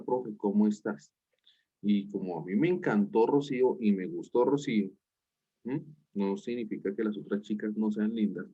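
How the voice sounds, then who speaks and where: A man's voice: fairly low pitch, mellow, highs cut off. A man, a university teacher telling an example story to his class in a chatty way over a video call.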